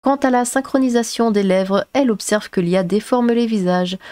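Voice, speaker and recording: A synthetic clone of a woman's voice, reading a summary in an even, steady way. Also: a little high, moderate pace, dry recording. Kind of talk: AI-translated voice reading a book summary.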